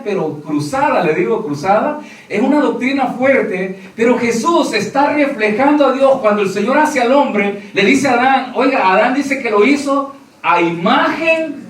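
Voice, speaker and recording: A man's voice: extremely high pitch, a bit bright, far from the mic. A man preaching as a pastor, who keeps calling his listeners "brother" and asking them questions. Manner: preaching, addresses listeners as "hermano", asks questions. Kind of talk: sermon. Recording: roomy echo, voice from off mic.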